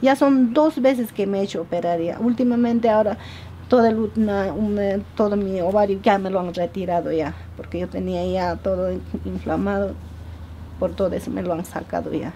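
A woman from Peru, giving a halting, earnest documentary testimony with many repetitions. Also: mid-range voice, mellow, slight background noise. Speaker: interviewee.

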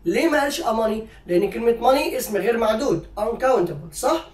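A man with an Egyptian Arabic accent teaching English grammar, who explains in Arabic and reads the English examples out slowly. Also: extremely high pitch, lively intonation. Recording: echoey room, voice a little far from the mic.

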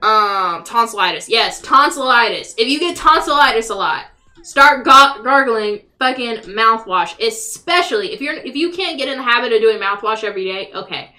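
A young woman casually commentating on a game as a live streamer and chatting with viewers, sweary and excitable. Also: a little high, moderate pace. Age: young adult. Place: small room at home, indoors.

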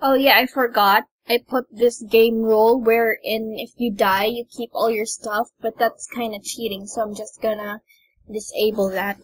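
A woman's voice: fairly high pitch, fairly even intonation, husky, poor audio. Bossy young woman gaming with her mom. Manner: bossy, teasing, quick to scold. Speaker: gamer teaching her mother. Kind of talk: casual gameplay chat. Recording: faint background noise.

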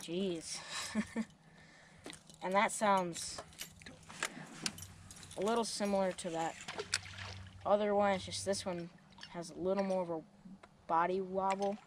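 A young male angler talks eagerly about how lures move, jumping in with quick agreement. He is picked up by a boat-mounted camera outdoors, with steady noise running under his voice. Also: high-pitched. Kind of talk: casual chat. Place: small boat on a calm river outdoors. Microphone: action camera on the boat.

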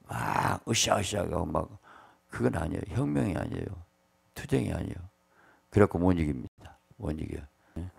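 A male pastor preaching a sermon in an emphatic style, swinging between loud bursts and quiet asides. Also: low voice, gravelly.

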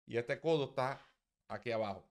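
A man's voice: medium pitch, brisk. A man, a baseball hitting coach, giving blunt, profane, emphatic swing-analysis commentary.

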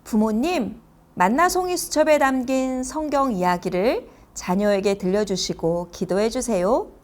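Woman, higher-pitched, unhurried, sing-song, children's lesson narration, Sunday school teacher tone. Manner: sing-song, slow, simple speech aimed at small children.

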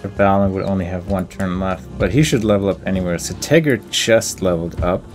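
A video game let's play host muses to himself in casual gameplay commentary, deliberating over his choices out loud. His voice is low-pitched and a little fast, with faint game music in the background.

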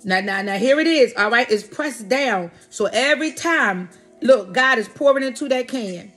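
Woman prophetess, animated preaching, higher voice, soft music under her, repeats herself and shouts hallelujah. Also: normal speed. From Philadelphia. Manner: repetitive, exclamatory, frequent hallelujahs and laughs. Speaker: prophetess preaching to an online congregation. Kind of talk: lively sermon with call-outs to viewers.

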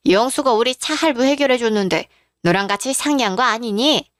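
A woman's voice: on the high side, brisk, no echo, studio quality, close to an everyday voice. A woman voicing a chatty older mother-in-law who frets and apologizes. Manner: chatty, fretting.

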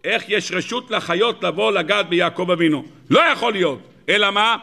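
A man's voice: sits high, creaky, pushed and bright. A rabbi giving a Torah lesson, telling stories with animation and firing rhetorical questions at his listeners.

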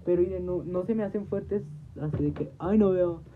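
A woman's voice: lowish voice, moderate pace. Rambling woman on a noisy phone stream. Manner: repetitive, restarts phrases, quotes herself often. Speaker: livestream host. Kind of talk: casual rambling storytelling to viewers. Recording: noisy tinny phone audio.

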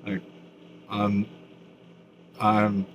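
A man talking through new dentures in a casual video update, his mouth still numb, halting with many fillers and restarts. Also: on the low side, monotone, a little hiss or hum. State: mouth still numb after dental work. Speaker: vlogger.

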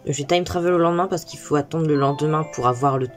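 Low-voiced woman chatting over gameplay. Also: fast talker. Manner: expressive, exasperated and chatty. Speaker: video game streamer. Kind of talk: casual gameplay commentary. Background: faint game music.

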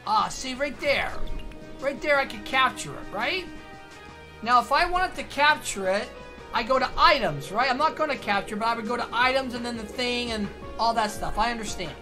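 A woman's voice: a little high, animated, normal speed. A woman streaming a video game, thinking aloud and asking herself questions as she plays. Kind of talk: casual gameplay commentary. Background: faint game music.

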